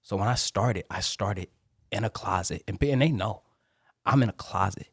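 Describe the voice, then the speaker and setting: A man's voice: on the low side, moderate pace, vocal fry, a bit bright, slightly rough, dry recording, studio quality. A man speaking as a guest on a podcast, earnest and heartfelt, opening up with plenty of emotion. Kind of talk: casual podcast interview. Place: podcast studio, in person with host. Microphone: studio microphone.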